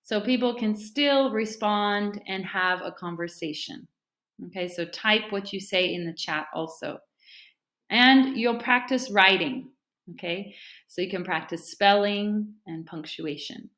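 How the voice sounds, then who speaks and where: A woman English teacher speaking slowly and clearly to learners in a friendly, deliberate way. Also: medium pitch, a bit bright. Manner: friendly, deliberate, repeats key points. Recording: echoey room.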